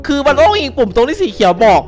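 A young man giving excitable, casual co-op game commentary, yelping and laughing often. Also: extremely high pitch, rapid-fire. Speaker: gaming YouTuber. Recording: music playing behind.

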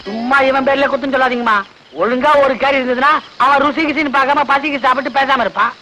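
A man's voice: very high-pitched, fairly even intonation, fast talker, bright, forceful tone, slight background noise, poor audio. A man acting a smug village quack doctor in a film comedy, explaining things with sly reasoning. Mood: lecturing. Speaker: actor in film scenes.

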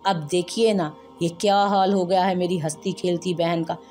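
A woman's voice: fairly low pitch, steady tone, normal speed, darkish tone, soft background music, close to an everyday voice. A woman voicing an angry young husband in a storybook reading, curt and commanding. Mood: bitter.

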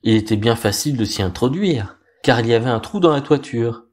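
Conteur masculin posé. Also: male voice, mid-range voice. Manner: calm, measured, expressive. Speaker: storyteller. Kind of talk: reading a fairy tale aloud.

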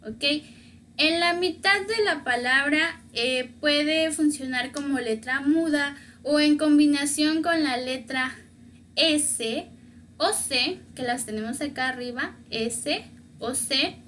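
A woman with a high, bright voice teaches a beginners' language class. She talks at an unhurried pace and repeats each example word slowly and patiently so learners can copy it. A faint hiss of background noise sits under her voice. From Mexico. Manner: patient, repeats words slowly to model pronunciation. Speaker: Spanish teacher.

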